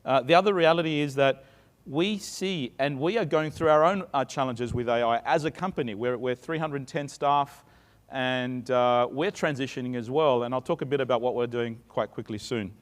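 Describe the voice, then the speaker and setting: At a moderate pace and medium pitch, a middle-aged Australian man from Sydney gives a chatty conference talk. The reverberant hall echoes his stage delivery, which is full of fillers and restarts.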